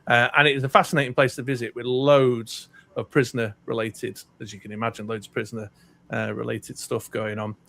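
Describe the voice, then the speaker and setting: He's a middle-aged British-accented man from North Wales co-hosting a podcast, rambling through casual chat with many ums and restarts. The voice is mid-range, gravelly and a bit bright, fairly quick, with little pitch movement.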